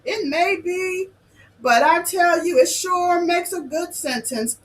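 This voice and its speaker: Very high, slow-talking woman teaching kids. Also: low-quality recording. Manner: animated, sing-song, addresses kids directly. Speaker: children's show host and teacher. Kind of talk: children's lesson.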